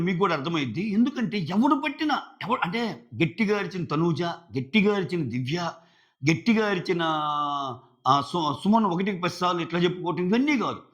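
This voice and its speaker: A man's voice: high voice, muffled recording. A man giving solo commentary on a reality show, explaining his view emphatically and repeating points for stress. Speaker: show reviewer.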